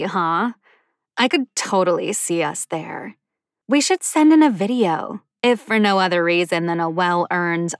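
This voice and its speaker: A woman voicing an eager, bubbly young woman in her twenties who talks in an excited, pushy way, read as an audiobook character voice. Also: medium pitch, clean tone, no room sound, clean studio sound. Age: 20s.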